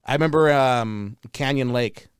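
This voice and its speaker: A man's voice: mid-range voice, measured pace, clean tone, no room sound, clean studio sound. Laid-back man telling comedy-club stories. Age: 30s. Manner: laid-back, heavy swearing, calls people dude. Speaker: stand-up comedian, guest. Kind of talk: casual storytelling.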